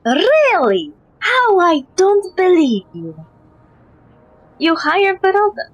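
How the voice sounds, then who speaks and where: A woman's voice: very high voice, big pitch swings, slow, no room sound, lo-fi sound. A woman livestreaming a video game, casually and sardonically talking back to the characters and swearing freely. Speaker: streamer reacting to a video game.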